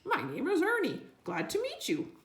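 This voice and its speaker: A woman voicing an excitable four-year-old boy who puts on sing-song character voices. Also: very high-pitched, normal speed, slight background noise, pitched above the performer's own voice, heavily acted. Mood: playful. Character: excitable little boy of four, playful show-off. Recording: roomy echo.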